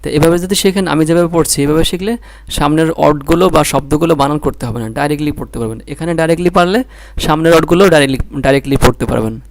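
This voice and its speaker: A man's voice: a little high, quick pace, creaky, slight background noise. A man with a Bangladeshi Bengali accent teaching Quran reading, drilling syllables one by one and explaining patiently. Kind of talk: slow spelling-out lesson.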